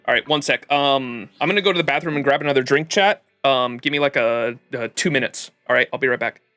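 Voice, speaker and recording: A man's voice: mid-range voice, fairly quick, pushed and bright, no echo, faint music behind. A man streaming a video game with casual, sweary, slangy commentary and reading dialogue aloud.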